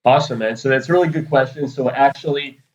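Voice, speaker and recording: A man's voice: mid-range voice, fast talker, dull audio. A man in his thirties from Israel, answering interview questions in a loose, rambling way full of fillers. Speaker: podcast guest, PR agency founder.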